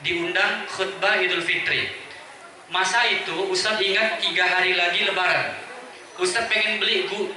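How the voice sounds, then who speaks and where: A man in his thirties with a Medan accent, preaching an emotional storytelling sermon in a lively, conversational way with playful asides. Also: sits high, slight background noise. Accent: Medan Indonesian. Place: mosque hall at a religious gathering. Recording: echoey hall from far off.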